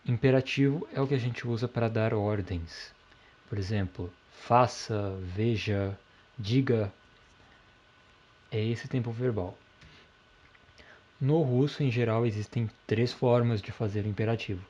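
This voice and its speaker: A man teaching a language lesson, calmly explaining grammar step by step and checking in with the listener often. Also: lowish voice, a little slow, pauses often, muffled recording.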